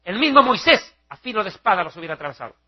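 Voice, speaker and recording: A male preacher giving a fiery, mocking televised sermon, acting out shouting crowds. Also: high-pitched, sing-song, racing, slightly rough, dull audio.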